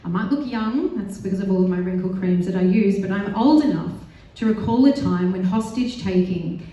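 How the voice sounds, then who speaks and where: Her mid-range voice has a dark tone and normal speed as this Australian woman delivers a prepared panel speech at a live event, earnest and resolved with light self-deprecation. The sound comes from far off in a large synagogue hall full of echo.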